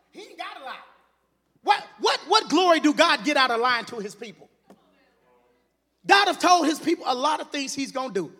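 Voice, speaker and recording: A man preaching a Sunday sermon as an elder, animated and teasing with the congregation, building up to shouts. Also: very high-pitched, husky. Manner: playful, teasing asides to the congregation.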